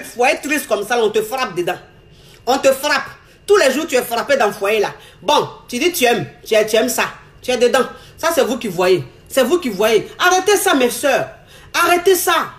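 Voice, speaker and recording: A woman giving an emphatic, scolding advice monologue to other women, repeating herself and firing off rhetorical questions. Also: sits high.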